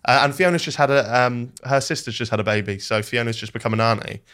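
A man's voice: mid-range voice, quick pace, fairly bright tone. A man, talking casually on a podcast, self-deprecating and often restarting his sentences. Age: 20s.

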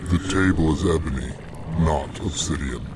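An actor playing a cold, calculating Dark Lord wizard with a measured, pompous delivery in a fantasy audio comedy. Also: male voice, extremely low pitch. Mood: cold, menacing. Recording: clear background noise under the voice.

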